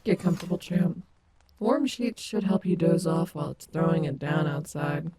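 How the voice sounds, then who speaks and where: A woman's voice: fairly low pitch, moderate pace, background noise, close to an everyday voice. A woman voicing a hot-tempered but protective female animatronic wolf in an audio roleplay, sarcastic and blunt. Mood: soothing.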